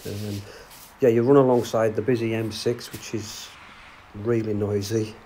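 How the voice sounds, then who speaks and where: A man's voice: fairly low pitch, measured pace. Middle-aged man narrating a bike trip. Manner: relaxed, many fillers. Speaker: bikepacking vlogger. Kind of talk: casual travel narration. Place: outdoors on canal towpath. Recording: faint outdoor background noise.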